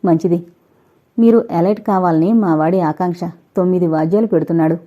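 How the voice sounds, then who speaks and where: A woman voicing a busy older man, a cultural society president, speaking in a brisk, businesslike way in an audiobook. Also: lowish voice, lo-fi sound, lightly acted.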